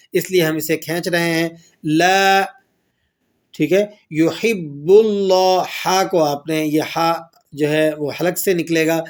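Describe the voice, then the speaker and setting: A man teaching a tajweed lesson, explaining rules plainly and then reciting verses slowly and drawn out. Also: on the high side, a little mellow.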